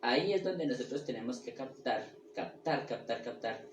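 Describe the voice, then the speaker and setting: A man giving a spiritual lecture, halting and restarting as he goes and checking in often with his listeners. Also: medium pitch, lively intonation. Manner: halting, with restarts and repeated words. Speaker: spiritual teacher. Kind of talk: lecture on the ego and personality. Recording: echoey room, mic far off, faint ambient noise.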